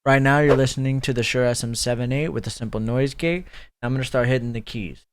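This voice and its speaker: A man giving a relaxed, step-by-step review of a streaming microphone at his desk, speaking about three inches from a dynamic mic. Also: mid-range voice, a little fast, clear, resonant tone. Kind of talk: casual product review. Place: desk streaming setup, indoors. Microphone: studio dynamic mic about three inches away.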